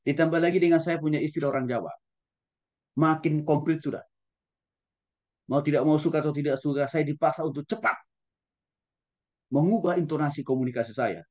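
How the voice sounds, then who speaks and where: A male pastor giving a conversational lecture, speaking gently and often turning to address his listeners directly. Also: a little high, fairly quick, long pauses. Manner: soft-spoken, gentle. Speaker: pastor and teacher. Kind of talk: conversational Bible-school lecture.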